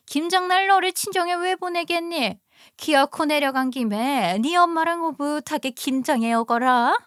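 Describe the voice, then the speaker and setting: A woman's voice: sits high, normal speed, a bit bright, dry recording, studio quality, pitched above the performer's own voice. A woman doing a bossy, scolding mother-in-law. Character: overbearing older woman, a demanding mother-in-law. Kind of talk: dramatized story narration.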